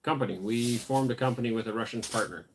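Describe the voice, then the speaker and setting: On a low-quality recording with slight background noise, a tired man hosts a casual homestead livestream. He reads viewer comments aloud and answers in a relaxed, filler-heavy way, with a medium-pitched voice and a quick pace.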